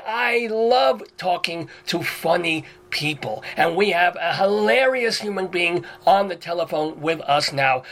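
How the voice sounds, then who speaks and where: An excitable older rabbi hosts a radio chat, put on by a man. His voice sits high and rings bright and brassy, and he gushes along, dropping Yiddish words as he goes. This is a comic radio character. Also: full character voice. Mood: effusive. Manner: effusive, sprinkles in Yiddish words. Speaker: host.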